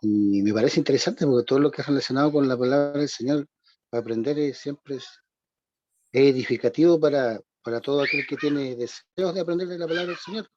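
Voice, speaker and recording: A man's voice: medium pitch, slight background noise. A man with a Chilean Spanish accent, a church member introducing himself on a video call in a rambling, hesitant way. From southern Chile. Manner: rambling, hesitant, with many restarts and soft laughs. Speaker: church member greeting the class. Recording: dull, dry video call audio.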